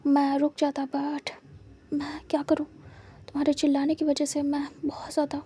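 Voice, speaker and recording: A possessive young man murmurs low and coaxing, almost under his breath, as a woman reader voices him. The tone is mellow and dark, with little rise and fall, keeping everything soft and close. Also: monotone, normal speed, natural voice.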